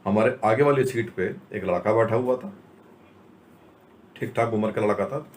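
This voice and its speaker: Middle-aged male storyteller with a lowish voice, unhurried and conversational, drawing a moral from everyday events. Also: a little hiss or hum. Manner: conversational, recounting a personal anecdote with reflective asides.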